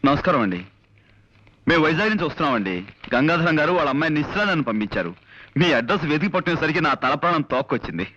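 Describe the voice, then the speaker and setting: A man's voice: fairly high pitch, big pitch swings, quick pace, sharp tone, lo-fi sound, heavily acted. An actor playing a polite but exasperated young man who is hunting for an address and pleading for help. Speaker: visitor searching for someone.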